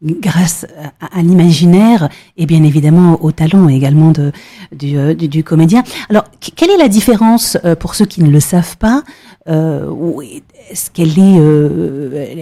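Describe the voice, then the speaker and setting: A woman hosting a radio interview, asking her questions in a hesitant, halting way. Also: low-pitched, dark tone. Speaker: radio host.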